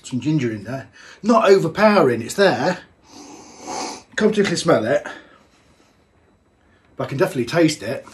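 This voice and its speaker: A man's voice: fairly high pitch, very animated, moderate pace, long pauses. A man, chatting casually as he tastes a homebrewed beer in a small home brewing room, thinking aloud with plenty of fillers. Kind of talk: casual tasting vlog.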